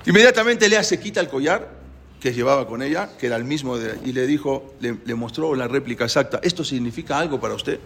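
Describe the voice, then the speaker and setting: A man's voice: medium pitch, lively intonation, a little fast, gravelly, fairly bright tone, slight background noise. A man telling a story aloud, hesitant and often correcting himself. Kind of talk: spoken storytelling.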